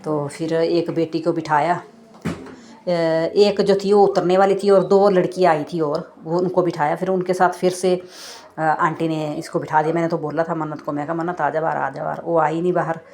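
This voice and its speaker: A woman's voice: low-pitched, steady tone, moderate pace, darkish tone. A woman in her thirties chatting casually through a family vlog, recounting what she and her children said on an outing. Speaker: vlogger. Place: outdoor play area with rides.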